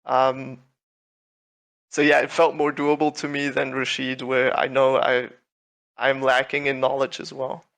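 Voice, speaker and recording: The recording quality is low, capturing a medium-pitched, monotone voice with vocal fry, a slightly bright tone and a somewhat slow pace. It belongs to a young Swiss man, a tournament winner, who talks humbly and casually in a video-call interview, full of fillers and false starts.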